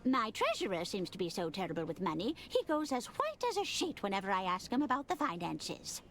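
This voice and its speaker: A woman's voice: mid-range voice, big pitch swings, a little fast, soft background music. A woman playing an elderly, shrewd railway matriarch in a comedic game, grand, wry and amused. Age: older. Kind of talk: comedic adventure game acting.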